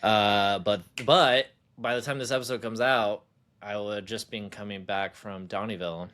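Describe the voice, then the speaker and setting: A man's voice: on the low side, fairly even intonation, normal speed, fairly bright tone. A man co-hosting a casual podcast, joking and sarcastic, laughing often as he talks. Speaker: podcast co-host. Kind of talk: casual chat.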